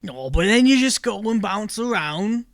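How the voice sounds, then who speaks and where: A man voicing a bored, slimy toad-folk worker in a tabletop game, with a loud, halting, put-on accent. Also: high-pitched, big pitch swings, no room sound, clean studio sound, voice pushed up. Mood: puzzled.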